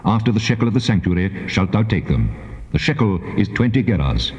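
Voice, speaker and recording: An actor playing God as a solemn, commanding deity in a dramatized King James Bible reading, declaiming in measured phrases. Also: fairly low pitch, big pitch swings. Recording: echoing long reverb, dull cassette audio.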